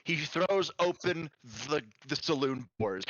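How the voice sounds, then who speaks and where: A man's voice: fairly high pitch, expressive, slow, fairly bright tone, dry recording, highs cut off. A man improvising narration as a tabletop game master, telling the scene in a vivid, dramatic way.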